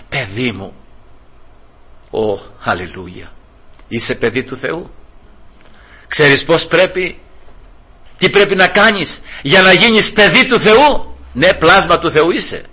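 A middle-aged man preaching a sermon with personal testimony, fervently swinging between hushed tones and exclamations. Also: on the high side, slightly rough.

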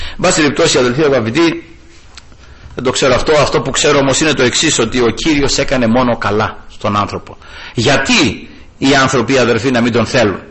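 A man preaching a sermon to his congregation, fervent, rising to loud exclamations and dropping to soft asides. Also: medium pitch, rough recording.

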